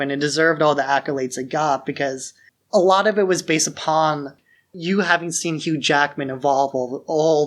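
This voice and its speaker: On a casual film podcast, a male co-host talks informally with a fan's strong opinions. His voice is on the high side and a bit bright.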